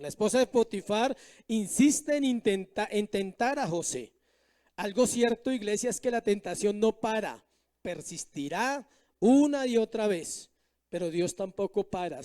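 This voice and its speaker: A man's voice: sits high, a little mellow. A male pastor preaching a sermon to his congregation, reading scripture verses aloud and putting rhetorical questions to the listeners.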